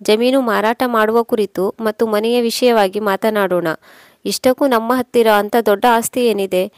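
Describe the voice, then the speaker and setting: A woman's voice: on the high side, fairly even intonation, moderate pace, dry recording, close to an everyday voice. Woman voicing a stubborn young son. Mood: matter-of-fact. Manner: insistent, impatient arguing. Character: stubborn ambitious young man leaving his village.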